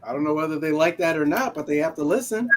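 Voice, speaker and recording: Animated higher-voiced man telling stories. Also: fast, noisy background. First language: Creole. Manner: animated storytelling, emphatic and repetitive. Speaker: co-host. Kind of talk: casual live talk show chat.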